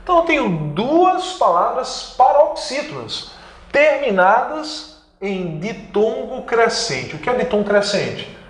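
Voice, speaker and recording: A man's voice: very high voice, sing-song, slow pace, roomy sound. A man with a Brazilian accent teaching an online grammar lesson for exam prep, emphatic, stretching key words and asking and answering his own questions. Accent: Brazilian Portuguese.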